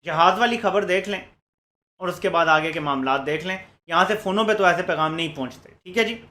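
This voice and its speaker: A man's voice: sits high, a little fast, pushed and bright. A man giving TV political commentary in an insinuating tone, posing leading rhetorical questions. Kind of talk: TV news commentary.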